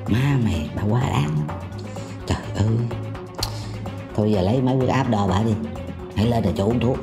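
An actor playing a gruff, grumbling older father. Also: fairly low pitch, a little fast. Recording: loud background music score.

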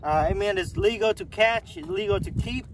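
A man's voice: sits high, normal speed. A man in his thirties casually narrating a fishing trip from a canoe on a lake, chatty and repetitive, pointing things out as he works. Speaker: fishing vlogger. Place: canoe on an open lake, outdoors. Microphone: camera mounted on the canoe, a few feet away. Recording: windy outdoor lake noise. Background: wind and lapping water.

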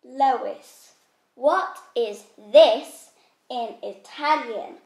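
A woman plays a patient teacher in a children's classroom skit. She speaks very slowly and clearly in a high voice, with moments of mock strictness. The recording has a roomy echo. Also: a little mellow. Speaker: co-host playing a teacher.

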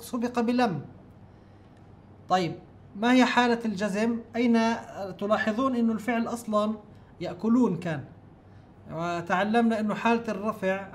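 A male teacher giving a recorded grammar lesson. He speaks slowly and deliberately, repeats example sentences and thinks aloud as he explains. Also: very high-pitched.

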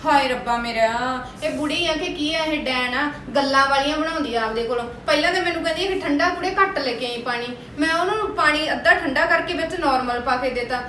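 A woman's voice: high voice, fairly bright tone. A woman playing a fed-up young daughter-in-law who complains about her household, speaking. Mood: complaining. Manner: complaining, rapid arguing. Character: fed-up young wife, quarrelsome then weary. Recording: echoey room from a far mic, noisy.

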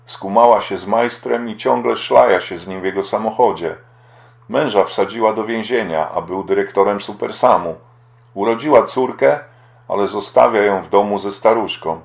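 An older workman, ashamed and lovesick, pours out his regrets, read by a man in a low voice. He reproaches himself in a plain audiobook reading. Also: vocal fry. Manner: lamenting, self-reproaching.

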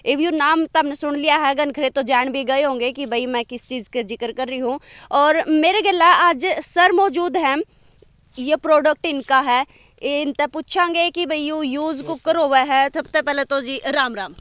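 Young haryanvi woman, high voice, chatty field interview, handheld mic outdoors. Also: normal speed, fairly bright tone, no echo. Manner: chatty, lots of short hmm acknowledgements. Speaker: interviewer and host. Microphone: handheld reporter mic.

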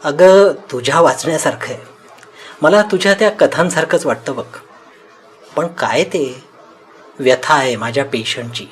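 A man's voice: medium pitch, measured pace, a bit bright, lightly acted. A man as an amused, dismissive doctor. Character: amused middle-aged male doctor, dismissive.

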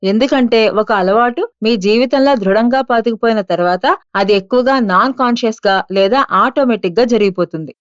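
A woman reading an audiobook aloud in a steady, measured manner. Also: on the high side, smooth, no room sound, dull audio. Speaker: audiobook narrator. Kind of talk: scripted audiobook narration.

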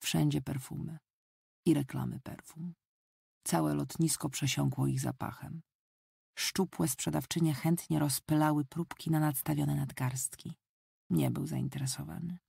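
A woman narrating an audiobook in a calm, even storytelling manner. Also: sits low, measured pace, vocal fry, slightly rough, no echo, clean studio sound. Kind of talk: scripted narration.

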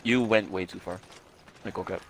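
A man's voice: low voice, steady tone, moderate pace, a little hiss or hum. A man joking and complaining in a mock-indignant way while playing a co-op game. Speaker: gamer playing co-op. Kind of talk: casual gaming commentary.

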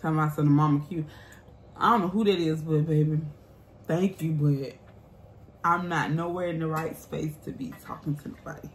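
Sassy low-voiced woman in an echoey room. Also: steady tone, moderate pace. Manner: blunt, sassy, emphatic. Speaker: vlogger and mukbang host. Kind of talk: casual chat, answering viewer comments. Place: indoors, small bare-walled room at home. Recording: roomy echo, faint background noise.

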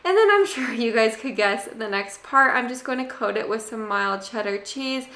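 A young woman narrating a casual cooking video from her home kitchen, chatty and relaxed, talking straight to her viewers. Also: on the high side, moderate pace, echoey room. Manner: chatty, relaxed, addresses viewers as "you guys". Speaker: cooking channel host.

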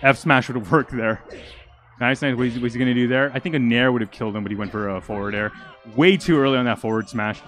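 A young man giving live, excitable commentary on a fighting game match, out of breath and stumbling over his words. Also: mid-range voice, quick pace, soft background music. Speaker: esports commentator.

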